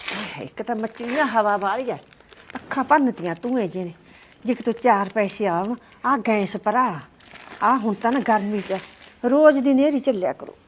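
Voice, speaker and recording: A woman's voice: a little high, normal speed, a little hiss or hum, close to an everyday voice. A woman playing an older village mother-in-law who frets and sighs, kind to her daughter-in-law. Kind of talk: short film acting.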